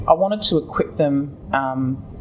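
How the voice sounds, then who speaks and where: A middle-aged Australian woman from Tasmania talks through her own experience as an interview guest. She explains in halting phrases, often rewording as she goes. There is faint ambient noise behind her voice. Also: sits low, darkish tone, rough recording. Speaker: interview guest, children's book author. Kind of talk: conversational personal account in an interview.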